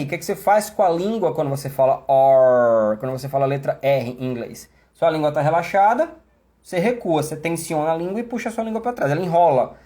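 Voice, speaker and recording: A Brazilian man teaches English pronunciation in a live online class. His voice swoops widely in pitch, rich and dark in tone, with self-mocking asides and deliberately slow, exaggerated demonstrations. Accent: Brazilian Portuguese.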